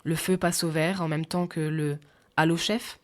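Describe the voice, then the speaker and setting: A woman calmly narrating a sleep audiobook in an even voice. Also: deep voice, normal speed. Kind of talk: soft sleep-story narration. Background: faint music.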